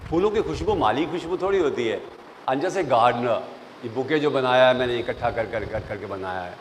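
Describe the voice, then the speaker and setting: An older man, a professor, giving lively classroom advice, telling stories and acting out the voices of people in them. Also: mid-range voice, moderate pace. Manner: animated, storytelling, mixes English phrases, acts out quoted voices. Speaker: professor giving interview tips. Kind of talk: classroom lecture. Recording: long reverb, faint noise.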